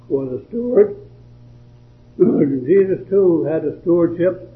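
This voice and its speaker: A man delivers a sermon at an unhurried, deliberate pace, reading a devotional poem before moving into teaching. His voice sits a little high for a man. The sound is thin and tinny, like an old phone-line recording. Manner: slow, deliberate, measured delivery. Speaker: preacher.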